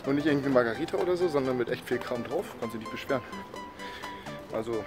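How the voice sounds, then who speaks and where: Talking fast with music in the background, this young adult vlogger has a mid-range male voice and a slight cold. He chats to the camera in a casual, upbeat, slangy manner. The phone or camera is at arm's length as he moves between residential streets outside and a living room inside.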